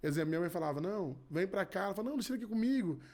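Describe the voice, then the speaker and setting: A gospel musician from Rio de Janeiro, a man in his thirties, shares an earnest personal testimony as a guest on a casual podcast, often restarting and repeating himself. His high-pitched, slightly mellow voice is animated and races along.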